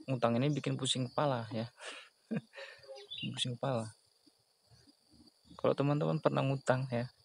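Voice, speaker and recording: A man's voice: mid-range voice, vocal fry, a little mellow, slight background noise, rough recording. A man giving casual, earnest advice on a small business, repeating his points and chuckling at himself, recorded outdoors in a plantation. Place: outdoors in a palm and banana plantation.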